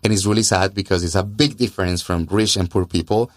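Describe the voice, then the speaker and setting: A fast-talking man with a low, steady voice, he's a gym owner and fitness trainer from Colombia in South America, guesting on a conversational podcast. He speaks with a Colombian accent as a native Spanish speaker, explaining earnestly and repeating words for emphasis. The audio is dry and clean, studio-grade.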